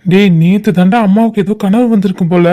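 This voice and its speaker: Someone doing a worried young guy friend in a cartoon, pushy and urgent, mellow tone. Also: mid-range voice, fairly even intonation, fast talker, close to an everyday voice. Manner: urgent, pressing. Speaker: cartoon character.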